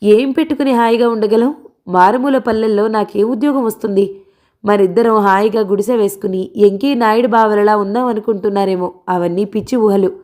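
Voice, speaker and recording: A woman doing a shy young lover, somewhat raised and higher in pitch, hesitant and resigned, talking her out of a dream in an even storybook reading. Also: brisk, lightly acted. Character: hesitant young man, timid, sorrowful lover.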